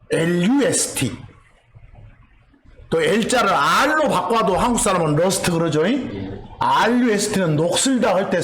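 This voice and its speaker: A man's voice: sits high, a bit bright. A man preaching with a Jeolla accent, teaching from the pulpit and quizzing the congregation with repeated questions. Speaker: pastor. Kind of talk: teaching sermon. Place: church sanctuary. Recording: echoey church hall.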